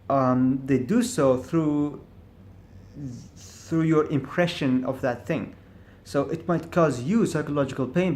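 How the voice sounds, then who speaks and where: A fairly high-pitched, slightly mellow male voice belongs to a vlogger delivering a reflective monologue to camera. He talks alone, thinking aloud in a hesitant, searching way, stuttering on repeated syllables and restarting often.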